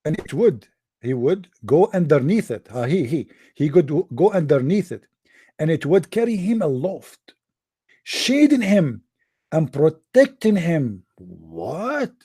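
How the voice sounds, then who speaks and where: A man's voice: on the high side, very animated, unhurried, warm tone, breathy edge, no room sound. Sarcastic Arabic-accented man, dry close sound. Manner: sarcastic, mocking. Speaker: religious debater. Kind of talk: online debate talk.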